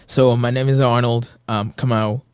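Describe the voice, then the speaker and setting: A man's voice: medium pitch, little pitch movement, moderate pace, a little mellow, clean tone, no room sound, studio quality. A man in his twenties from Kenya, a personal trainer speaking earnestly as an interview guest, with lots of filler words. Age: 20s. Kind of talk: casual interview.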